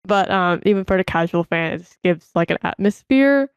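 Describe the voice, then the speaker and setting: A woman opera singer talks casually as a guest in a lowish, smooth, resonant voice. She thinks aloud with pauses and fillers. The sound is dry and close. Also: lively intonation, dry recording. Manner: thoughtful, hesitant, many fillers. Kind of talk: casual reaction chat.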